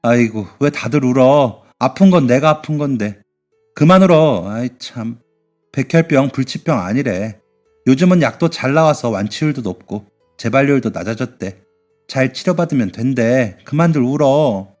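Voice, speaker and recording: Man doing a bright, coaxing young woman. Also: mid-range voice, animated, moderate pace, soft background music, lightly acted. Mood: soothing. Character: cheerful young woman patient soothing her family.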